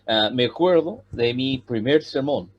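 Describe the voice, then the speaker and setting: A man's voice: medium pitch, breathy edge. American-accented man preaching, lo-fi sound. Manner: pauses with many "ah" fillers, calm teaching tone. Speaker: pastor. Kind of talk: sermon. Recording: dull lo-fi sound.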